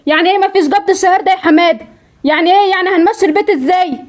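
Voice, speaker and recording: An insistent young wife in a comedy sketch, Egyptian Arabic accent, very high voice, rapid nagging. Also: female voice. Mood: demanding. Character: demanding young wife fixated on a new robe.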